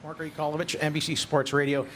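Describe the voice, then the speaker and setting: A man's voice: a little high, flat delivery, quick pace, a bit bright. A male radio sports reporter putting a question to an athlete at a press conference. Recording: press room with background noise.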